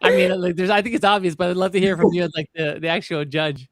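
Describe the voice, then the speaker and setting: A man hosting a casual livestream chat, relaxed and full of fillers. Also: sits high, fast talker, dry recording, clean studio sound. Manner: relaxed, filler-heavy, laughing easily. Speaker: host. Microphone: video call.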